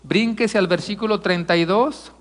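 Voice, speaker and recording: A man's voice: high-pitched, normal speed, in a large hall. A man from Mexico preaching a conversational sermon as pastor, addressing the congregation as brothers. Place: church sanctuary.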